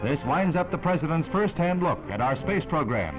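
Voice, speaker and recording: A man narrating an old newsreel in a brisk announcer delivery. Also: on the high side, big pitch swings. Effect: old newsreel sound. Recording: tinny narrow-band newsreel audio with loud music.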